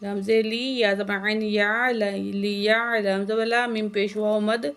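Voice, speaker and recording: A woman teaches Quran reading, spelling out the letters and vowel marks before reciting each word slowly, adding quick explanations and checking on the learner often. Her voice is mid-range and her delivery flat.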